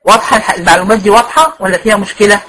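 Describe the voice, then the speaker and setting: With rapid-fire delivery and a fairly bright, slightly rough medium-pitched voice, an Egyptian Quran recitation teacher leads a tajweed lecture for women. Her accent is Egyptian Arabic, and she explains step by step while often checking her students keep pace. The recording is rough.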